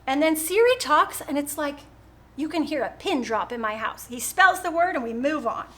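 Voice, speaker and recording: High bright voiced lady rambling away while she paints at home, laughs a lot. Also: animated, normal speed. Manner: chatty and rambling, laughs often. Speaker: host of a live painting stream. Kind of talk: casual chat while painting.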